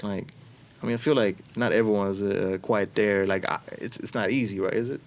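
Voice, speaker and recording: A man's voice: fairly low pitch, fairly even intonation, a little fast. A man hosting a casual podcast conversation, speaking hesitantly with many fillers and restarts. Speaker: podcast host. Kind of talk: casual interview chat.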